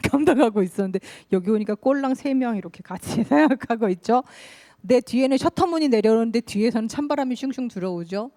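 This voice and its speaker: A woman pastor preaching to young people, telling a personal story in a lively, colloquial way. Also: medium pitch. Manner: lively, confessional storytelling, colloquial, laughs often.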